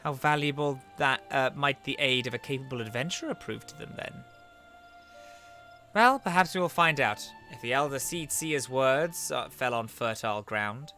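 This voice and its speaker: A streamer reading as a formal young scholar. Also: male voice, medium pitch, expressive, moderate pace, bright, forceful tone, faint music behind. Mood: earnest. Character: earnest young male scholar, read aloud. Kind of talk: reading game dialogue aloud.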